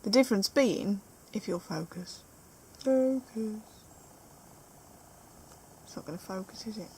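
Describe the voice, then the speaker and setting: Opening trading cards in the living room, a woman with a British accent keeps up a playful, chatty commentary and reads the cards out loud. She speaks fairly quickly in a mid-range, slightly mellow voice, with a little background noise.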